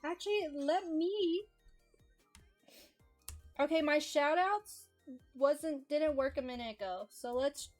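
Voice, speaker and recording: Young woman, book-reading streamer, high voice, slow pace, faint background music. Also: a little mellow. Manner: giggly, chatty between passages.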